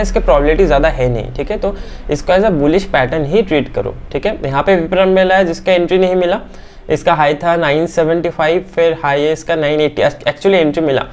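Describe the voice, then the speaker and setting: A man teaching trading as he walks through candlestick charts on screen, often checking in with his listeners and filling pauses with "aa". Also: on the high side, darkish tone. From India. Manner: keeps checking in with "theek hai?"; talks through hesitations with "aa" fillers. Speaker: stock market teacher.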